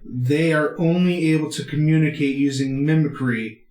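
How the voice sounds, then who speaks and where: A man narrating as game master of a tabletop game, explaining the world in an unhurried way. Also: a little high, fairly even intonation, a little mellow, roomy sound, faint music behind.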